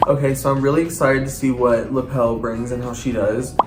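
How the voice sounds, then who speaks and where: A man's voice: medium pitch, steady tone, a little fast, noisy background. Earnest man in an echoey room. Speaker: drag competition contestant. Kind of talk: confessional to camera.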